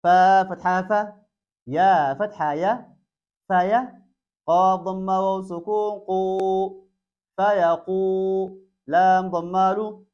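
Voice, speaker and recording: A man's voice: sits high, fairly even intonation, slow pace. A man teaching Quran reading, spelling out each letter and vowel mark and then blending the syllables into whole words. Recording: dull lo-fi recording.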